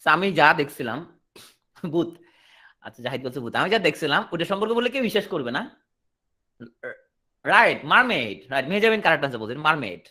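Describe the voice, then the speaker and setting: Male tutor, online class; animated delivery that rises and falls, reads example sentences slowly. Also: on the high side. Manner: explains in a question-and-answer rhythm, repeating and checking understanding; reads English sentences slowly and deliberately, then translates. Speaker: English teacher.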